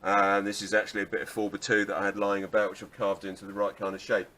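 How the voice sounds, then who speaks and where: A man's voice: fairly low pitch, monotone, fast, bright, forceful tone. A man restoring an old car, talking casually through his work with lots of restarts and wry asides. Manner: rambling, self-deprecating, restarts often. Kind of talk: casual workshop how-to vlog.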